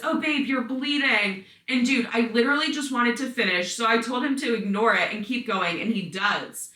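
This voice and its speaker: A woman reads listener stories on her podcast in a loose, chatty story-time way, swearing freely and breaking off into her own asides. Her voice is bright and forward. The room rings around her, and she sits a little back from the mic. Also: on the high side, far from the mic. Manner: profane, blunt, chatty asides. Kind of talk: casual story-time narration. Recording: roomy sound, voice set back from mic.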